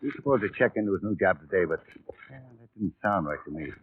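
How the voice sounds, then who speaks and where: A man's voice: sits low, lively intonation, fast talker, breathy edge, full character voice. An actor playing a friendly, worldly male hotel house detective who talks in a chatty, confiding way, heard as an old AM radio broadcast. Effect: old AM radio broadcast sound. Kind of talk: 1950s radio drama acting. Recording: tinny, narrow-band old radio broadcast with faint hiss.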